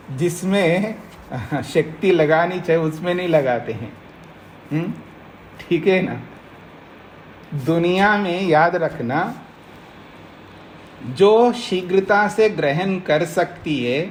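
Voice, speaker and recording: A male teacher lectures on a philosophy text. His voice sits a touch high for a man, and he works through each point patiently, stopping to check that the class follows. A faint hiss runs under the talk. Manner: explains slowly, keeps checking the listeners follow. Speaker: teacher of Nyaya philosophy, swami. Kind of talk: Hindi scripture lecture to a class.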